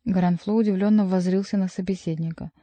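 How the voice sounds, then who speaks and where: Woman reading an audiobook, really dark mellow tone, dry close sound. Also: medium pitch, steady tone, brisk, dry recording. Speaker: audiobook narrator. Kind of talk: scripted narration.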